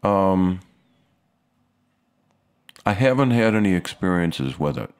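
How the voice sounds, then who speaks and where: A low-voiced man from the United States talks in a relaxed, easygoing way. He pauses often with small fillers as he thinks. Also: clean tone. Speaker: guest musician. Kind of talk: casual conversation.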